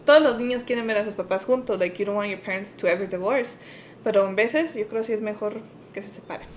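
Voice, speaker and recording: A woman co-hosting a podcast, telling a personal story and switching between English and Spanish mid-sentence. She rises high and loud when quoting her parents. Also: a little fast, slight background noise. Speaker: podcast co-host.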